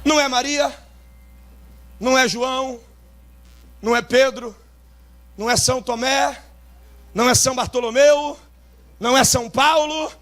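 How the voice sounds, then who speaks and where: A man with a Carioca accent preaching a revival sermon, shouting with great force and dropping now and then into quieter asides. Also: very high voice, fairly even intonation, a little slow, pauses often. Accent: Carioca Portuguese. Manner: shouts with great intensity, swinging between loud bursts and softer asides. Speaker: pastor. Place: outdoor rooftop church service.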